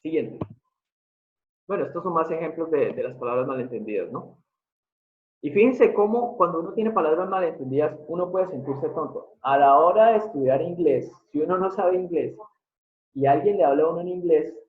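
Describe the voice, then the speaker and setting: A man giving a live online lecture, explaining step by step and often putting questions to his audience. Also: fairly high pitch. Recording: tinny phone-like sound in an echoey room.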